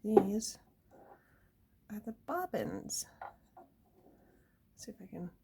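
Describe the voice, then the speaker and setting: Speaking extremely slowly in a gravelly mid-range voice with big pitch swings, a young woman is heard over heavy background noise. The homesteading vlogger shows an item to her camera at home in a chatty, giggly show-and-tell full of fillers and small laughs.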